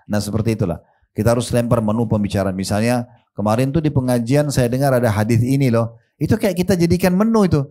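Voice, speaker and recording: Mellow-voiced man preaching. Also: medium pitch. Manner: lively, addresses listeners directly, recites Arabic verses. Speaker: Islamic preacher. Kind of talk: sermon to a seated congregation.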